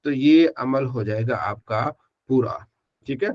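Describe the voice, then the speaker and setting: A man's voice: medium pitch, takes it slowly, highs cut off. A man teaching an online Arabic grammar class, asking questions and then answering them himself while he repeats verb forms in a drilling way.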